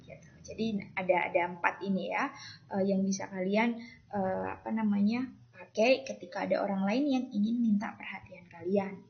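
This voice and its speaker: A woman English teacher who explains in a mix of languages and repeats each English phrase slowly for learners to copy. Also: mid-range voice, steady tone, vocal fry, dull audio. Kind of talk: classroom explanation with drilled pronunciation.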